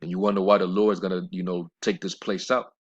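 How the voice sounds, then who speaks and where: A man giving informal scripture commentary in a blunt, scornful way, rambling with fillers and slowing down to read verses. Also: sits low, little pitch movement, breathy edge. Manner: rambling, with many fillers and restarts; reads scripture in a slower, measured cadence. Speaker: religious commentator. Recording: dull lo-fi recording.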